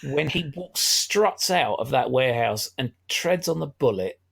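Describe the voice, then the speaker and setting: A man's voice: mid-range voice, expressive, unhurried, vocal fry, fairly bright tone, husky. A middle-aged man, chatting wryly about a film as a podcast co-host. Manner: chatty, wry, laughs often. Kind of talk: casual film discussion.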